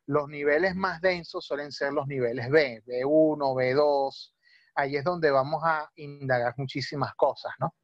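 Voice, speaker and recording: Patient male teacher, a bit high, dry lo-fi video call audio. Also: moderate pace, dry recording. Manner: patient, many fillers and checking questions. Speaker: language teacher. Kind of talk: explaining in a video-call talk.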